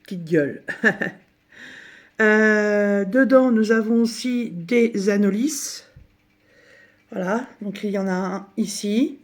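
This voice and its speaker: Chatty, slightly hoarse middle-aged woman. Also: medium pitch, takes it slowly, pauses often. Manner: chatty, hesitant with many fillers. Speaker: crafts vlogger giving a room tour. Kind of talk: casual home tour. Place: dining room at home, indoors.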